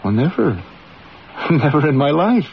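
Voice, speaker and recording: A man's voice: on the high side, very animated, a little slow, gravelly, full character voice. An actor playing a timid, self-pitying man in his forties in a radio drama, hesitant, stammering and deferential. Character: meek, lonely forty-two-year-old office underling, self-pitying, timid. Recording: dull, hissy radio recording.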